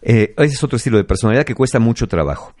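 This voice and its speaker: Lively Mexican man explaining. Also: medium pitch, racing, dry recording, clean studio sound. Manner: explanatory, acts out examples. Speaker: host. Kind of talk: relationship advice talk.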